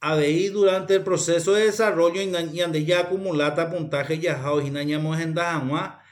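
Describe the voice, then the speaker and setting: A man's voice: on the high side, fairly even intonation, normal speed. A man with a Paraguayan accent giving a recorded university language lecture, methodical and repeating key terms, with frequent "eh" fillers.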